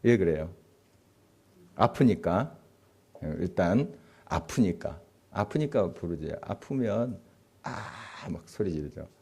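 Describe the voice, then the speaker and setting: A man's voice: low-pitched, lively intonation, unhurried, long pauses, dark tone, breathy edge. A male pastor giving a conversational sermon, asking the congregation questions and chuckling as he speaks. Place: church sanctuary.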